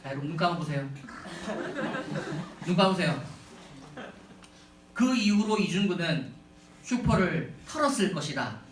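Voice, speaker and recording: A man giving a humorous storytelling sermon to a youth retreat, animated and often addressing the audience, in a large echoey hall from a distance. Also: fairly high pitch, unhurried, long pauses.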